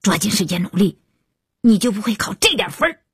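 A woman voicing an angry middle-aged mother who scolds her daughter loudly and shrilly. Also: mid-range voice, big pitch swings, brisk, slightly rough, no room sound, clean studio sound, full character voice. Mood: angry scolding.

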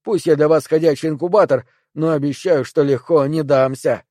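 A man's voice: fairly high pitch, fairly even intonation, normal speed, a little mellow, no room sound, clean studio sound, lightly acted. A man voicing Perry, an infected man raging at parasites inside his body, in a raised, ranting voice.

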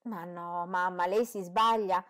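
A woman reading an audiobook, voicing a witty, lively young woman who speaks in a spirited, quick-witted way. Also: on the low side.

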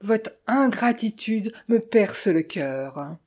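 A woman voicing a sly, smooth-talking male Italian bandit who mocks with false friendliness, in a storybook reading. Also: medium pitch, lively intonation, slow pace, a little mellow. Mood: mocking.

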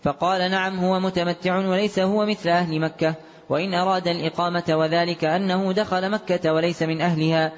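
A man reading a classical text aloud as a student, in a rapid, even recitation with occasional chanted tones. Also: high voice. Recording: dull lo-fi recording in a long-reverb hall.

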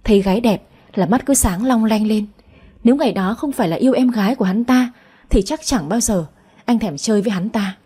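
A woman reading a story aloud as narrator, in an even, steady storytelling manner. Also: mid-range voice, brisk, husky.

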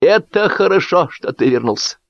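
A man reading an audiobook, voicing a pompous man who gives toasts at a party in a drawn-out, speechifying way. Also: a little high, animated, no echo, voice pushed up. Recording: dull lo-fi dry audiobook recording.

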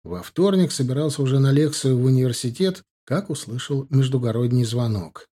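A man reading an audiobook in a measured, slightly wry narrating voice. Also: mid-range voice, animated, mellow, husky. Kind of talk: scripted narration.

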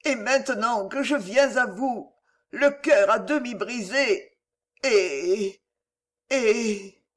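A woman's voice: on the high side, takes it slowly. A woman reading as a tearful pleading young noblewoman. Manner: tearful, emotional, pleading delivery. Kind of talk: audiobook character reading.

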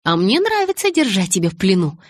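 A woman's voice: mid-range voice, big pitch swings, fairly quick, no echo, clean studio sound. A woman voicing a playful, teasing young woman in an audiobook, reading her lines light and sly. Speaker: audiobook reader.

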